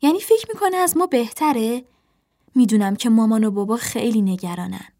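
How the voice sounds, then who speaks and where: A woman voicing a grumpy, impatient young crow sister who turns shrill when excited.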